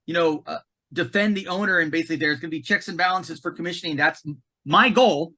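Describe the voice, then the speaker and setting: Emphatic male podcast guest, high voice with a bright edge. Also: fast talker. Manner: emphatic and animated, repeats words. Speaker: commissioning consultant, podcast guest. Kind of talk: casual podcast conversation.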